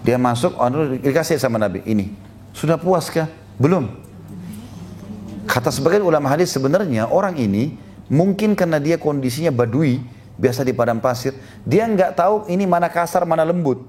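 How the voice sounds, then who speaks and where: Lively male preacher telling a story. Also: a little high, slight background noise. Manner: lively storyteller who voices quoted speakers, chuckles. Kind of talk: storytelling sermon.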